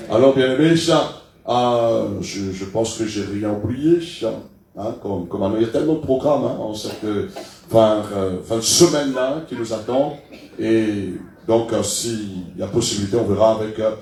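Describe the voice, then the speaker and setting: A middle-aged male pastor with a cold, his voice lowish and a little mellow, makes chatty church announcements to his congregation in a church hall. He hesitates often and keeps adding "hein." The recording sounds very echoey, as if captured from far off in the hall.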